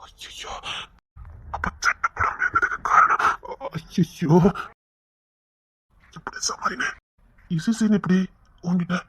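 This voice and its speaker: A woman acting out a family serial, moving between brotherly scolding and tender coaxing in a husky voice. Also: on the low side, steady tone, takes it slowly, long pauses, whispered. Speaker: storyteller voicing a whole family.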